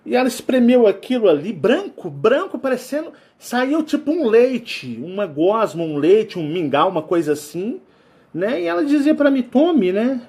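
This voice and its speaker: A man's voice: sits high, big pitch swings, normal speed, darkish tone, breathy edge. A Brazilian man hosting a channel, telling a story in a casual, rambling way and ending nearly every phrase with a tag question. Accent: Brazilian Portuguese. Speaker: channel host.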